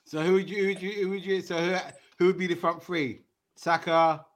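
A man's voice: high-pitched, flat delivery, fairly quick. A man with a London accent hosting casual football banter, slangy and matey, needling his guests and calling them bro. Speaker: football fan talk show host.

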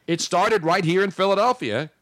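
A man's voice: high-pitched, moderate pace, fairly bright tone, no room sound, clean studio sound. A man in his sixties or older hosting casual sports talk in a joking, emphatic way. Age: 60s or older. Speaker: talk show host.

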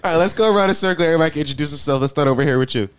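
A man's voice: a little high, rapid-fire, clean tone. A young man hosting a casual podcast, brash and profane, laughing often and sounding a bit tipsy. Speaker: podcast host. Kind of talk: casual drunk podcast chat and sponsor read.

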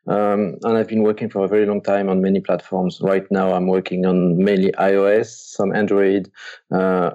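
A man from France, a guest on a podcast, speaking casually with many pauses. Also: fairly low pitch, mellow, dull audio. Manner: hesitant, many uhs. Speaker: guest author.

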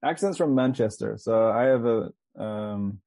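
A man's voice: fairly low pitch, unhurried, mellow, no echo. A man in his forties from England with a mostly Canadian accent, talking in a chatty, rambling way as a guest author on a podcast. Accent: Canadian, with faint Mancunian traces. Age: 40s. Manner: chatty, rambling, with frequent restarts and laughs. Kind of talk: casual podcast interview.

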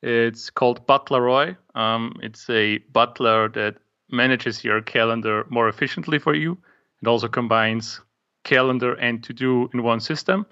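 Speaking over a remote call from his home office, a young man with an Austrian accent, native in German, talks about the app he made in a casual interview. He hesitates often and says um a lot, his mid-range voice moving at a moderate pace with fairly even intonation and a sharp, clear, resonant tone. The high frequencies are cut off.

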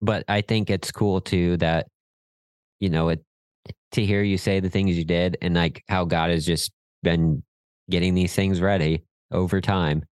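Man, middle-aged, podcast co-host, encouraging, very deep voice, dry sound. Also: fairly even intonation, unhurried, darkish tone, no echo. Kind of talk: casual chat.

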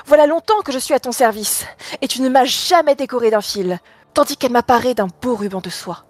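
A woman's voice: a little high, brisk, dry recording, natural voice. A talking birch tree from a fairy tale, reproaching its old mistress, voiced by a woman. Her voice sits slightly raised. Dry, close reading. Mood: reproachful.

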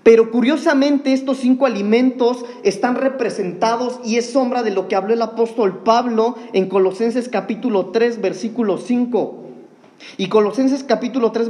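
A man's voice: extremely high pitch, warm tone. A man preaching an earnest sermon, addressing the congregation as brothers.

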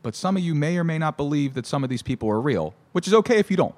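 A man in his thirties with a hoarse, shot voice, hosting a casual show solo in a halting, jokey, self-correcting way. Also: fairly high pitch, expressive, darkish tone. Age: 30s. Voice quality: hoarse, worn-out voice. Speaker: solo host of a fantasy football show.

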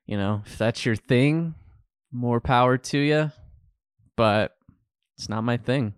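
A man's voice: medium pitch, slow, clear, resonant tone, dry recording. Male co-host, laid-back and agreeable, dry close sound. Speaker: podcast co-host. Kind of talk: casual chat.

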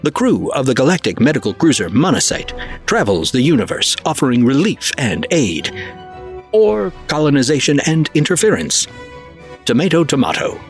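A man's voice: mid-range voice, sing-song, moderate pace, faint music behind. A man reading a scripted introduction as the announcer of an audio drama.

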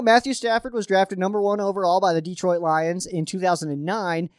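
With a smooth, high voice, this podcast host previews an upcoming game casually and makes no secret of being a fan. He fills his talk with fillers and restarts, and the clean studio recording has no echo.

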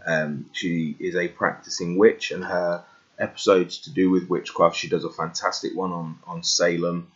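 A man with a British accent giving a casual, unscripted podcast introduction, halting and repeating phrases as he goes. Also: low-pitched, level tone. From United Kingdom. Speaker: podcast host. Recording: slightly dull, lo-fi microphone.

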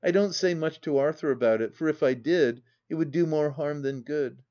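A man narrating a classic novel as an audiobook reader, in a measured, dramatic reading. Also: a little high, dark tone, highs cut off. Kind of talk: scripted narration.

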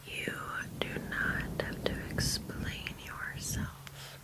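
A woman performs a whispered role-play in a soft bedside voice. She speaks very slowly, comforting the listener with gentle shushing and repeated reassurance. Her delivery stays hushed and soothing.

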